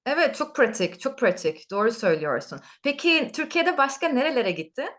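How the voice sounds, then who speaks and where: Lively, higher-pitched woman teacher, encouraging. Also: brisk. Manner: encouraging, with frequent short affirmations and repeated phrases. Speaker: language teacher interviewing a student. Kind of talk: casual teaching conversation.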